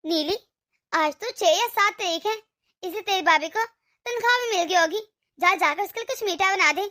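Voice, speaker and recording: A woman's voice: very high voice, moderate pace, sharp tone. A woman voicing a bossy, scheming older mother-in-law in a cartoon, with a nagging, scolding manner. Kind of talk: cartoon voice acting.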